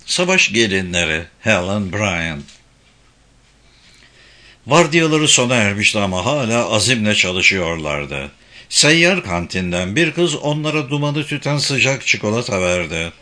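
A man reading an audiobook aloud, using scripted narration at a measured, steady pace. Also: on the low side.

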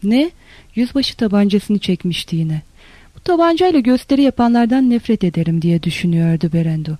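A narrator reading a literary novel in a steady, even storytelling manner. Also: medium pitch, fairly quick, no echo. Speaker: audiobook narrator.

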